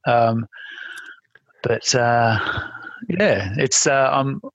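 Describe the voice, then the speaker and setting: A man from Melbourne, a guest on a podcast over a video call, speaking thoughtfully with many pauses and fillers. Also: mid-range voice, dry recording, lo-fi sound. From Melbourne, Australia. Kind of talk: casual interview chat.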